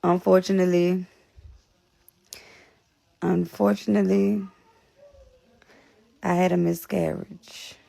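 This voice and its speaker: A young woman chatting straight to her livestream viewers, blunt and salty, circling back on the same words. Her voice has a gravelly fry underneath, and she is a little short of breath. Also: lowish voice, little pitch movement, slow pace, long pauses, warm tone. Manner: blunt, repetitive, profane. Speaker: livestream host. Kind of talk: casual livestream talk to viewers.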